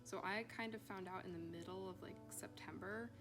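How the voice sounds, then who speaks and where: A young woman from Maryland, a production student, talking in a chatty, excited way. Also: medium pitch, a little fast. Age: young adult. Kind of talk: casual interview. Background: background music.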